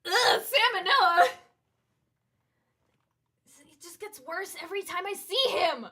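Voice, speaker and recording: Excitable young woman, high bright voice. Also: fairly quick. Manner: excitable, giggly, dramatic. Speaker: gamer voicing the characters. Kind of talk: casual playthrough chat.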